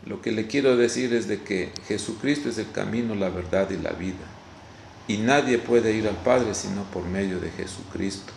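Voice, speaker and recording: A man from Ecuador with an Ecuadorian Spanish accent, preaching a video sermon in a halting way, repeating words and often saying "Gloria a Dios.". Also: lowish voice, vocal fry, darkish tone, reverberant, a little hiss or hum.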